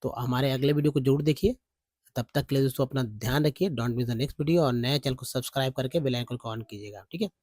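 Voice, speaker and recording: A man's voice: medium pitch, brisk, a little mellow, dry recording, studio quality. A man teaching a lesson on English vowel sounds in Hindi. He spells words out letter by letter, repeats each sound and keeps checking that the viewer follows.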